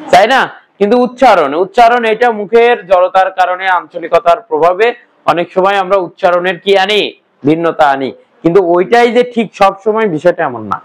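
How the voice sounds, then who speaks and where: High-voiced man quizzing a class. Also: poor audio. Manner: quizzing students with repeated questions. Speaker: Bengali grammar teacher. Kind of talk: classroom lecture.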